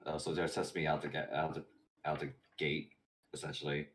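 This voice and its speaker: A man playing in a tabletop game, answering hesitantly and thinking out loud. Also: extremely low pitch, flat delivery, fairly quick. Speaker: player.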